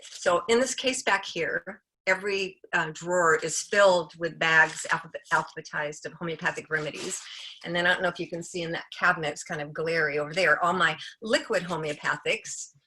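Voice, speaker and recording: A woman's voice: a little fast, a little hiss or hum. A woman in her late sixties, a homeopathic practitioner, chatting and telling stories from her practice over a video call, acting out the people she quotes. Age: 60s. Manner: chatty, animated, acts out quotes with raised pitch. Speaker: homeopathic practitioner and book coauthor. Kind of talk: casual storytelling talk.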